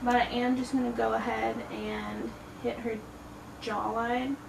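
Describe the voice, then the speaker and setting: A woman's voice: fairly high pitch, little pitch movement, unhurried, vocal fry. A tipsy, playful woman giving a casual makeup tutorial, chatting loosely as she works. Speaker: makeup video host. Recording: distant, echoey, noisy room.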